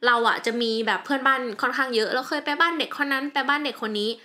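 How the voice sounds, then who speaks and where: Woman, casual chat co-host, quick animated storyteller, slightly high voice.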